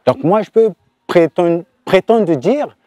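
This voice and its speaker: A man from the Republic of the Congo, a music artist giving an earnest, reflective and deliberate interview statement. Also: sits high, expressive, darkish tone, no echo.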